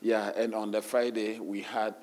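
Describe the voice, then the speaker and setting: A pastor with a hoarse voice, leading a loud, fervent prayer and then giving church announcements in a sermon. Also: male voice, on the low side, level tone, moderate pace.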